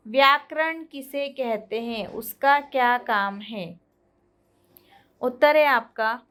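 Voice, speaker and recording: A woman teacher with a Hindi accent, slowly reading out question-and-answer notes for a school grammar lesson. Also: sits high, fairly bright tone. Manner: slow, deliberate dictation pace.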